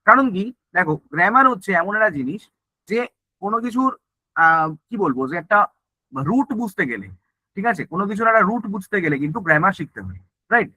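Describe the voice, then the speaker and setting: A man's voice: high-pitched, sing-song, fast talker, pauses often, pushed and bright, dry recording, rough recording. A male teacher giving an online exam-prep lecture, often asking and answering his own questions and checking in with "okay?". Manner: mixes English terms into Bengali, repeats "ঠিক আছে?" often.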